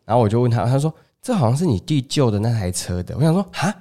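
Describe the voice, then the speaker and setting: A man with a Taiwanese Mandarin accent chats on a podcast at a brisk clip, mid-pitched. He tells stories about home life and slips into the voices of relatives as he goes. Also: big pitch swings, dark tone. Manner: chatty storyteller who acts out family dialogue. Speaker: podcast co-host. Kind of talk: casual chat.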